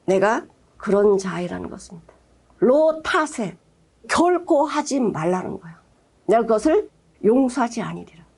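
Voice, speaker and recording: A woman pastor preaching a sermon in an animated, blunt way, full of rhetorical questions. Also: high voice.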